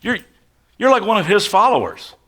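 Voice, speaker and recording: A man's voice: sits high, sing-song, moderate pace, sharp tone, pitched above the performer's own voice, heavily acted. A man acting out pushy bystanders who make insistent, stammering accusations. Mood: accusing.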